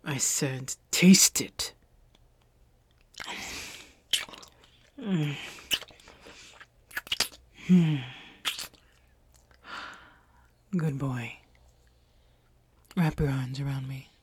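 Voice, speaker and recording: Woman voicing a low, breathy seductive alien. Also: very slow, long pauses, darkish tone, no echo, exaggerated voice. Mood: commanding. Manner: whispery, teasing, commanding. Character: possessive seductive female alien captor. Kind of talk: audio roleplay.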